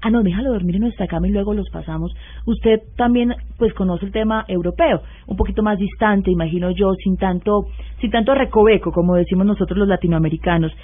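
A man's voice: high voice, brisk, hardly any pauses. A man hosts a radio interview and asks long, rambling questions. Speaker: radio host. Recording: phone-like narrow band.

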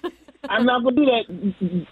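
Young man heard by phone, high voice with swooping pitch, defensive and baffled. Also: lively intonation, moderate pace, a little hiss or hum. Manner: confused and defensive, repeats himself. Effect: heard over a phone line. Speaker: prank call target. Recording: tinny phone-line audio.

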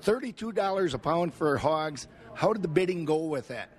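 A man's voice: fairly high pitch, lively intonation, moderate pace. An American man working as a radio host, conducting an interview. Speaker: radio host and fair reporter.

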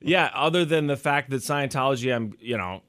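A man's voice: medium pitch, animated, a little fast, a bit bright. A man hosting a podcast, chatting casually with his co-host and guest.

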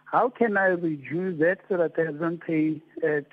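South african guy calling in over the phone, slightly high voice, halting questions, thin tinny line. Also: fairly even intonation. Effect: heard over a phone line. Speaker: radio caller.

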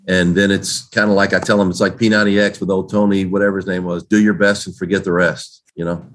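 A man answering interview questions in a folksy, relaxed way, with many fillers and restarts. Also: low voice, fast talker. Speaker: guest, games organizer.

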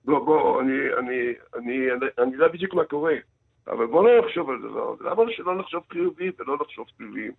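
A man's voice: mid-range voice, expressive, creaky, husky. A man with an Israeli accent who is a sports official being interviewed on live radio, arguing his case insistently and repeating words and phrases. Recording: tinny narrow phone-like line.

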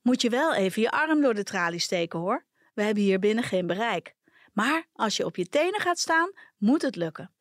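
A man's voice: sits high, sing-song, moderate pace, fairly bright tone, no room sound, clean studio sound. A woman reading the lines of a friendly, chatty male prison guard in an audio story. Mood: helpful.

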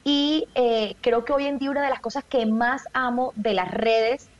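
A woman's voice: fairly high pitch, fairly even intonation, moderate pace, dull audio. Colombian coastal woman co-hosting radio chat. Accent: Colombian coastal Spanish. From Colombian Caribbean coast. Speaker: radio co-host.

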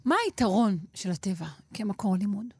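A woman hosting an interview, asking thoughtful, measured questions with some hesitation. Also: medium pitch, mellow, breathy edge, no echo. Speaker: podcast host.

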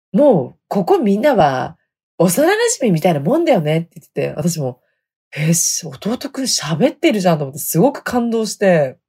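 Husky-voiced chatty woman podcast host. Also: mid-range voice, darkish tone. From Hokkaido. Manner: chatty, laughs often, dialect sentence endings. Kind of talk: casual storytelling chat.

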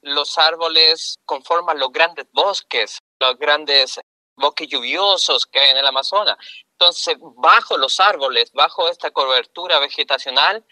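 Chilean man explaining in a bright voice. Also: a little high, dry recording, rough recording. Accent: Chilean Spanish. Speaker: guest. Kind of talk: interview answers.

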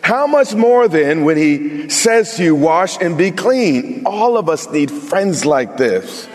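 A man's voice: fairly high pitch, sing-song, slow, in a large hall. A male pastor preaching an emphatic sermon, talking straight to his congregation with humorous asides.

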